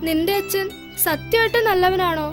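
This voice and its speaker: An earnest ten-year-old boy with a very high voice. He speaks kindly and simply to a friend. Loud film music fills the background. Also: moderate pace. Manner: childlike, earnest. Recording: film dub with music behind.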